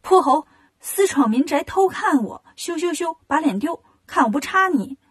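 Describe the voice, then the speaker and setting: A woman's voice: high voice, lively intonation, moderate pace, pitched above the performer's own voice. A woman doing a coaxing female demon. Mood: taunting. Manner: coaxing, teasing. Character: scheming, flirtatious female demon in a cave.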